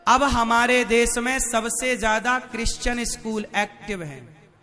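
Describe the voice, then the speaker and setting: A man's voice: extremely high pitch, measured pace, bright, forceful tone. A man preaching a fiery sermon to a live gathering, keeps asking the crowd for answers. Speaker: spiritual preacher.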